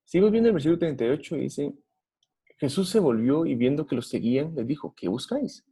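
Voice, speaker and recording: Earnest Guatemalan preacher, husky voice. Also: male voice, a little high, a little fast, warm tone. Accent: Guatemalan Spanish. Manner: earnest, asks the listeners rhetorical questions. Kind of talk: Bible study sermon.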